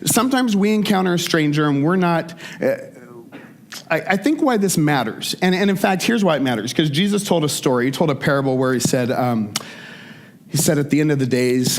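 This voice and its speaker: Casual man preaching a sermon. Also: mid-range voice. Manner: casual, conversational, many fillers and restarts. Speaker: pastor.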